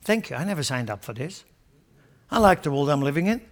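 A man from Switzerland preaching a sermon, emphatic and joking, dropping from loud stressed lines to quiet asides. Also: on the high side, sing-song, brisk. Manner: joking, chuckles at his own remarks.

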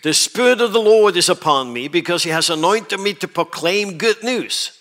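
A man's voice: high voice, expressive, moderate pace, a bit bright. A man from Switzerland preaching a sermon, stressing his points and often asking the audience whether they understand. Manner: emphatic, questions the audience often.

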